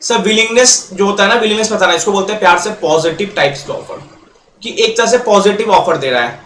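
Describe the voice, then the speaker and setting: A man teaching a lecture, explaining with quick role-played examples and mixing in English terms. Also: sits high, a bit bright. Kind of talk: classroom-style lecture. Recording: echoey room, faint background noise.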